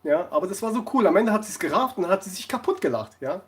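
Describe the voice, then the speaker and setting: A man's voice: high voice, sing-song, quick pace. Laughing, rambling man. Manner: rambling storyteller, laughs often. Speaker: live streamer. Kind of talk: casual live-stream chat and anecdotes.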